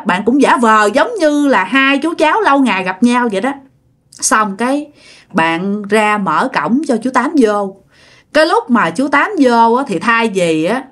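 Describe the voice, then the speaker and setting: A woman with a Southern Vietnamese accent telling a ghost story in a chatty, casual way with many fillers. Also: mid-range voice. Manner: chatty, filler-heavy, dramatic pauses.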